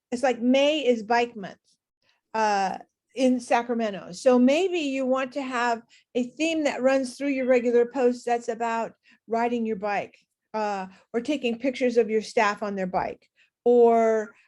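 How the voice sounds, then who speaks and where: A woman's voice: fairly high pitch, a little slow, a little mellow. Upbeat woman co-hosting a workshop. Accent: Californian. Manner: enthusiastic, lots of fillers and restarts. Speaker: workshop co-presenter. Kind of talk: casual workshop talk.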